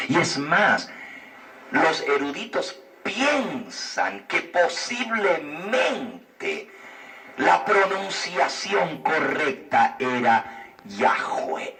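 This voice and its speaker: Slow, earnest man explaining scripture. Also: mid-range voice, a bit bright, recorded from a distance. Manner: earnest, persuasive, with rhetorical questions. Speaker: Bible teacher answering a viewer's question. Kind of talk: explanatory religious talk.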